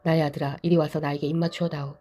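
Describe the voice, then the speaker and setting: A woman's voice: low voice, little pitch movement, rapid-fire, warm tone, faint music behind. A woman reading the lines of an aged, solemn patriarch father in a Bible reading.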